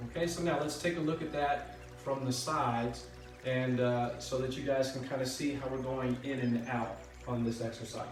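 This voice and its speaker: Echoey, distant man giving calm tai chi cues. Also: medium pitch, moderate pace. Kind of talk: step-by-step spoken movement instruction. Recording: echoey room, far from mic, music behind. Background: music.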